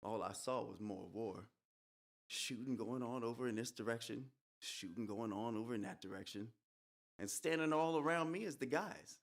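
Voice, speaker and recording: Performing live in an art museum, someone portrays a young soldier who has returned from the grave, recounting his tale as a dramatic monologue. The medium-pitched voice moves at a moderate pace and sounds much like everyday speech, its folksy rural dialect laced with eerie whispered hisses.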